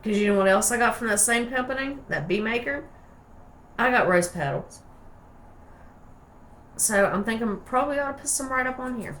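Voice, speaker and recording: A woman's voice: a little high, expressive, moderate pace, long pauses, a bit bright, slight background noise. A woman with an Appalachian hillbilly accent, chatting casually and playfully in a rambling, folksy way as she hosts a craft vlog. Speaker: soap maker and channel host.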